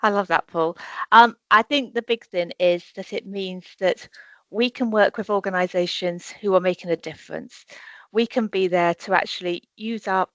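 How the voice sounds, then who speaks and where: A woman's voice: mid-range voice, fairly even intonation, normal speed, a bit bright, no echo. A woman speaking for a corporate sponsor on a video call from an office, effusive and full of "you know" fillers. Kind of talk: casual webinar chat. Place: office in Birmingham. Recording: dull, dry video-call audio.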